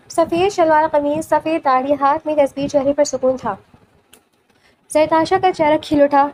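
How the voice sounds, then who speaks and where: A woman's voice: sits high, a little mellow, slight background noise, low-quality recording. A woman narrating an audio novel with dramatic storytelling.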